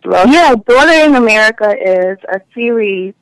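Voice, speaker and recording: A woman's voice: medium pitch, lively intonation, moderate pace, dry recording, rough recording. Upbeat woman guest, dry sound. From Liberia. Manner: upbeat, enthusiastic. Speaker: web series producer, guest. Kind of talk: radio interview.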